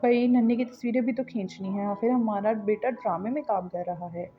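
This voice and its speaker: A woman with a Pakistani Urdu accent voicing a stubborn, loud, bossy middle-aged father in a cartoon story. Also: on the high side, a little fast, muffled recording, faint music behind, natural voice. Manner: blustering, scolding.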